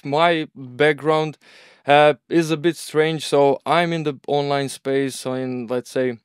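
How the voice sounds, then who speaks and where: A man's voice: a little high, slow, clear, resonant tone, no echo, clean studio sound. A young man from Croatia with a Croatian accent, talking casually and loosely as an interview guest, leaning on filler words like "like" and "bro". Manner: relaxed, rambling, uses "bro" and "like". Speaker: agency owner, guest.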